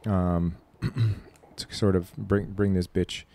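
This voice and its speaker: A man's voice: low voice, fairly even intonation, slow pace, creaky, warm tone. A male podcast host asking easygoing questions and nudging his guest along with short replies. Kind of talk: casual podcast chat.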